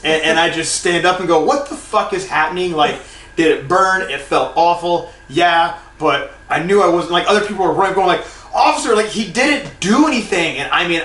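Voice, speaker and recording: A young man co-hosting a podcast, telling a rambling story with lots of swearing and loud acted-out quotes. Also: a little high, normal speed, reverberant, recorded from a distance, slight background noise, rough recording. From North Carolina. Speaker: podcast co-host. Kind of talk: casual storytelling.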